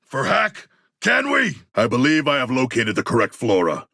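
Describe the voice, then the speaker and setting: An actor playing a proud, eloquent humanoid shark warrior in a video game, with a gravelly, husky voice and stilted, grandiose formal diction. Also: male voice, mid-range voice, huge pitch swings, moderate pace, sharp tone, no echo, studio quality, full character voice. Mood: fierce, exultant. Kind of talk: theatrical video game voice lines.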